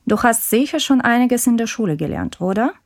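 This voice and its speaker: A woman's voice: fairly high pitch, animated, a little fast. A woman playing a polite, curious course student. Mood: friendly, curious. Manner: polite, clear, careful diction. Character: friendly woman course student interviewing a classmate. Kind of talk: scripted textbook dialogue.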